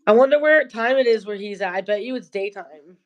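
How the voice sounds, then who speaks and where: A woman's voice: mid-range voice, a little fast, muffled recording. A woman hosting a late-night livestream, stuffed up with a cold, talking in a loose, rambling way into her phone. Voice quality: nasal, congested. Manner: rambling, loose, a little stoned. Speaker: livestream host. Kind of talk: casual livestream chat. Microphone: phone or tablet camera.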